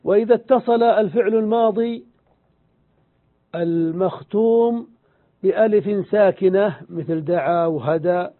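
Man teaching grammar over a tinny line. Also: sits high. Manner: slow, deliberate explaining, repeats examples, asks and answers his own questions. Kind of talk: lecture. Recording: tinny phone-like sound.

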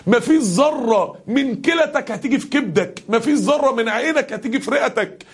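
Fast, fiery Egyptian preacher, husky voice. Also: male voice, very high-pitched, animated. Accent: Egyptian Arabic. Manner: impassioned, rising to shouts on key verses. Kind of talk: sermon to a live congregation.

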